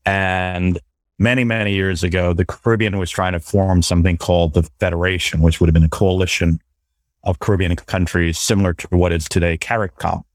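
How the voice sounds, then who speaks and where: Born in Barbados and raised in Brooklyn, this man is a sustainability advisor appearing as a guest in a casual interview over a remote call from Williamsburg, Brooklyn. He talks earnestly and upbeat, repeating words as he gets going, in a low, level voice at a fairly quick pace. There's no echo.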